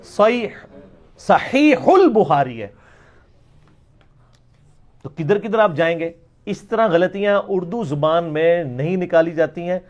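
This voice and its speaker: High-voiced emphatic man lecturing. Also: fairly even intonation, long pauses. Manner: emphatic, repeats words to demonstrate pronunciation. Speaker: religious lecturer. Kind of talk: question-and-answer lecture.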